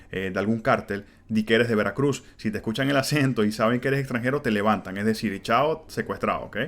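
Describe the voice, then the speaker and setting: A man in his thirties from Venezuela with a Venezuelan Spanish accent, hosting a solo podcast in an earnest, conversational way. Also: medium pitch. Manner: earnest, conversational, with fillers like "este" and "pues". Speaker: podcast host. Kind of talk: reflective solo podcast monologue.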